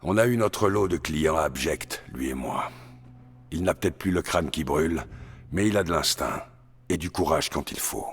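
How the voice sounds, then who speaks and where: An actor playing a gruff, grizzled male mutant brawler from Canada in a French video game dub, blunt and sardonic. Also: very deep voice, moderate pace. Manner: blunt, sardonic, laid-back.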